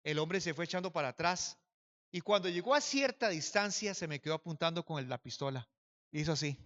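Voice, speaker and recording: A man preaching a sermon as pastor, telling a personal story and swinging from hushed to loud. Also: a little high, animated, fairly quick, muffled recording.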